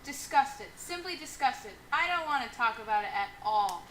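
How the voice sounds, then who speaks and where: A woman's voice: high-pitched, expressive, fairly quick, bright, forceful tone. A woman playing a prim, haughty young wife in an amateur comedy skit, speaking in a clipped, disdainful way. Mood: disgusted. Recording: roomy echo, faint noise.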